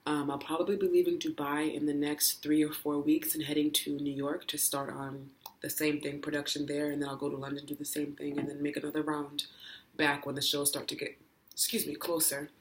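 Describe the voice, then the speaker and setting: Woman mukbang vlogger, flat even delivery, talks over a meal, camera mic indoors. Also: sits low, fairly quick, a little hiss or hum. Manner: chatty, filler-heavy with frequent ums and likes. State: full, hiccuping and burping. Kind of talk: casual chat while eating. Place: indoors, home in Dubai. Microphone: camera mic, no tripod.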